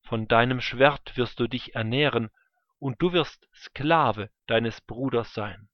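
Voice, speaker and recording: An aged patriarch speaks blessings in a solemn, measured voice, as a male reader gives him words. The pace is very slow and deliberate. The sound is dry and muffled. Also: medium pitch, no room sound, natural voice. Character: old blind father, solemn patriarch giving blessings. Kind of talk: scripture reading.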